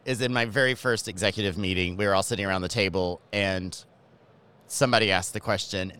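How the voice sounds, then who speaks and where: A man's voice: low voice, steady tone, fairly quick, sharp tone, smooth. A man from Georgia with a Southern accent, a marketing executive talking casually and enthusiastically as an interview guest, with an easygoing, joking manner. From Georgia, USA. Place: large convention ballroom.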